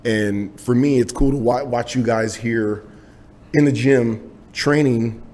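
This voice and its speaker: Taking things slowly in a mid-range voice, a man runs a laid-back podcast interview from a small home gym. His talk is loose and casual, sprinkled with fillers and frequent yeahs.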